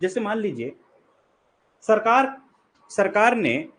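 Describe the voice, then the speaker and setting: A young Indian man giving a law lecture in Hindi mixed with English terms. He asks questions and answers them himself, and he slows down to read definitions aloud. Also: high voice, sing-song, a bit bright. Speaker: law teacher. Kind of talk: classroom lecture.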